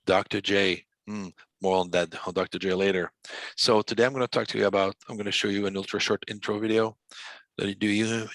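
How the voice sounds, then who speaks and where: A French Canadian man from Quebec gives a casual webinar sales presentation through a headset, hesitating and using lots of fillers. His voice is on the low side and a bit bright, captured in a dry, poor-quality recording.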